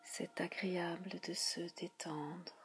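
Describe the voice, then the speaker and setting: A woman guides a relaxation hypnosis in a soothing, spa-like whisper, hushed and breathy, with slow repetitive phrasing and frequent pauses. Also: lowish voice, flat delivery, faint music behind.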